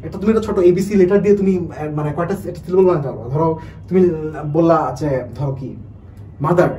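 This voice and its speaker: A man teaches an online class at a breakneck pace, his fairly high, mellow voice tumbling through restarts and quick questions to his students. He sounds set back from the mic, with a faint hum of noise underneath. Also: recorded from a distance, highs cut off. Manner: rapid, restarts often, asks the students rhetorical questions. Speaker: admission test English teacher.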